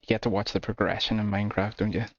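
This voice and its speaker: A man with an Irish accent chatting casually with his viewers while streaming a game, relaxed and laughing often. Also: on the low side, fast, dry recording, highs cut off. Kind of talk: casual gameplay chat with viewers.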